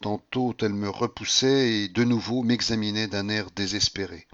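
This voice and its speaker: A man with a low voice narrates a classic novel in a measured, steady way. The recording is dull and very dry, with no room sound. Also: no echo. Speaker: audiobook reader. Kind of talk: literary audiobook narration.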